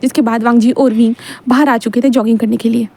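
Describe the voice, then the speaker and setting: A woman's voice: a little high, fairly even intonation, fast, mellow. A woman reading a fan fiction story aloud in chatty narration with frequent fillers.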